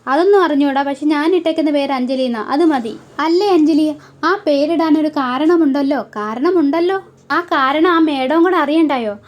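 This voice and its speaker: A woman playing a sneering young man from a tv serial recap who drags out his taunts. the voice sits high and light, and the teasing never lets up. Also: natural voice. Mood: mocking. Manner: mocking, drawn-out teasing.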